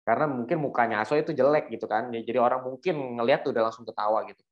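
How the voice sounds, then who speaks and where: A man's voice: medium pitch, racing, lo-fi sound. A young man, preaching as a youth pastor in a casual, joking storytelling way. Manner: animated, joking, slangy.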